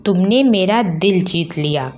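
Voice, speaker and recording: Young lady teaching english, drags out every phrase slow, faint room hum. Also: on the low side, lively intonation, darkish tone. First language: Hindi. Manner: repeats English phrases very slowly and clearly. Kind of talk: spoken English lesson.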